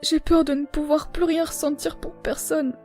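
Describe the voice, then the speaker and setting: A woman voicing a frightened, gentle young goat-monster boy in a fan dub, trembling, halting and tearful. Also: high voice, level tone, close to an everyday voice. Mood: fearful, sad. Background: music.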